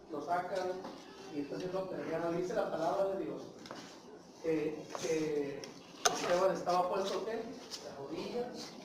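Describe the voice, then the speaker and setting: A man's voice: sits high, background noise. A man with a Mexican Spanish accent preaching a sermon in a church, emphatic, often calling out to his listeners and asking them questions. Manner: emphatic, repeats "hermanos", asks the congregation questions. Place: church hall. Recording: very echoey church hall from far off.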